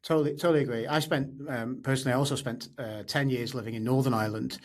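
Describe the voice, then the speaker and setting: A man's voice: mid-range voice, fairly even intonation, quick pace. A man from the northwest of England, hosting a podcast interview in an agreeable, conversational way. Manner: conversational, agreeable, fills with ums. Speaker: podcast host.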